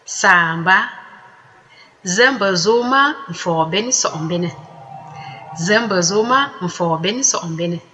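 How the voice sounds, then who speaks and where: Slow, echoing woman language teacher. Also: fairly low pitch, lively intonation, pushed and bright. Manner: slow, deliberate, repeats each word twice. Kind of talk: recorded language lesson. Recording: echoey room with long reverb.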